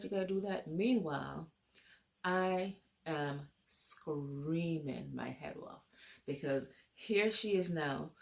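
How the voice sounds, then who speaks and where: A woman's voice: sits low, gravelly. A woman telling a personal story to camera in a casual, rambling way, repeating and restarting her sentences.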